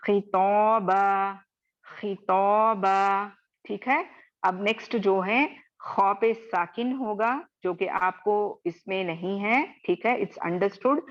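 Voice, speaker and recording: A woman teaching Quran recitation in an online class, drawing out example words and often checking in with her students. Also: medium pitch. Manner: slow, repeats example words drawn out; often checks in with "theek hai?". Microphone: video call. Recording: dull lo-fi video call audio.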